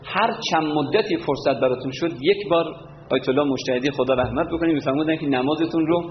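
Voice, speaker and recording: A man teaching prayer recitation, lecturing and demonstrating verses with slow chanting. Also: fairly high pitch. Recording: roomy hall, dull lo-fi sound, faint background hum.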